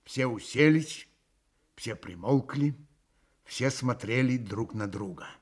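A man narrating a novel as an expressive audiobook reading. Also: medium pitch, takes it slowly.

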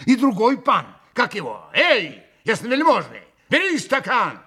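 A man voicing an impulsive, excitable young man who shouts and carries on. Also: high-pitched, slow pace, pitched above the performer's own voice, heavily acted. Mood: rowdy, toasting. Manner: shouting, exuberant.

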